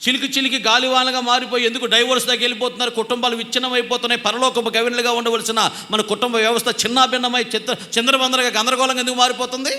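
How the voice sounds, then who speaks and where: Male pastor, high piercing voice, storytelling sermon with sung phrases, echoey hall. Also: sharp tone. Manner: storytelling preacher acting out quarrels, breaking into sung lines.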